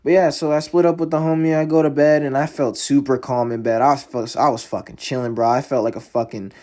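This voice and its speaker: A man's voice: medium pitch, level tone, brisk, mellow. A young man telling a casual storytime vlog in a laid-back, slangy, rambling way, full of fillers. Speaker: vlogger.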